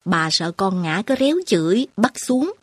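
A woman doing a lively, teasing village aunt. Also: mid-range voice, slightly rough, no room sound. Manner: brisk, teasing country talk.

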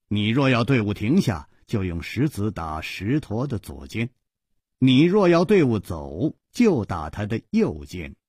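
A male storyteller voicing a composed hero who speaks in a measured, even way, in a storytelling radio performance. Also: on the low side, breathy edge, no room sound, clean studio sound, full character voice. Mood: calm.

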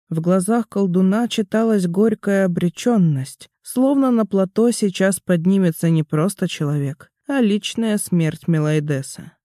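A man reading a fantasy audiobook aloud in a measured, even storytelling manner. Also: sits high, no echo, studio quality. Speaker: audiobook narrator. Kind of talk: scripted fantasy narration.

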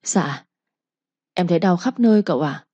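A woman's voice: on the low side, animated, normal speed, mellow, slightly rough, dry recording. A woman voicing a sly young female servant who whimpers and pleads while faking pain. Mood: whimpering. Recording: slightly muffled recording.

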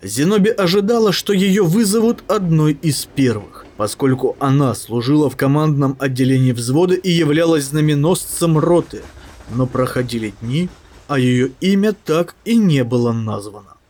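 A man narrating a science fiction story as a scripted audiobook, in an expressive, dramatic way. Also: a little high, normal speed.

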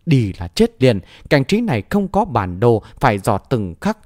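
A man doing a hushed, wary young hero. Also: mid-range voice, huge pitch swings, normal speed, dry recording, clean studio sound. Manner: hushed and cautious.

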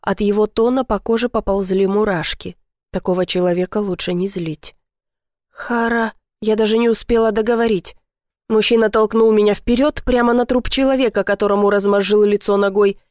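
A woman's voice: mid-range voice, steady tone, a little fast, a little mellow, dry recording, clean studio sound. A woman narrating a tense first-person story as an audiobook reader, giving the dialogue in a dramatic voice.

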